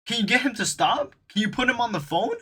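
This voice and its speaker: Man putting on a squeaky frantic boss voice, incredulous, rapid questions, bright tone. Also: lively intonation, breathy edge, full character voice. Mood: exasperated. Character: shrill exasperated male work manager.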